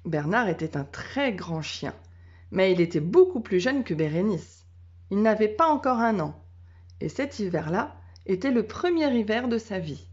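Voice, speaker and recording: A woman teacher reading a children's storybook aloud in a calm, measured way. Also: mid-range voice, husky. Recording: dull lo-fi sound.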